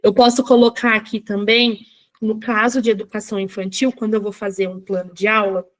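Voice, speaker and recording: A woman running a live online workshop for teachers, chatty and checking in with her viewers, reading screen text aloud slowly, with a Brazilian Portuguese accent. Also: mid-range voice, little pitch movement. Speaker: teacher trainer.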